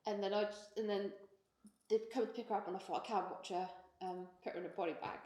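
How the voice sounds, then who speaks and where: A woman's voice: medium pitch, steady tone, a little mellow. Blunt, sweary woman in a roomy space. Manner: blunt, sweary, halting with fillers. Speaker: guest. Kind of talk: candid personal storytelling. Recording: echoey room.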